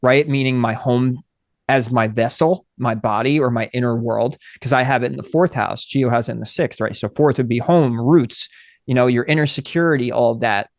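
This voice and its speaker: A man's voice: medium pitch, normal speed, no echo, clean studio sound. A man co-hosting a casual podcast conversation, who sometimes reads passages aloud from a book. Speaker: podcast co-host. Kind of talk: casual astrology chat.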